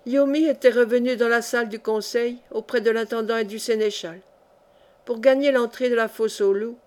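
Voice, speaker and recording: A woman narrating a historical novel as an audiobook in a clear, even-paced reading. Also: on the high side. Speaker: audiobook reader.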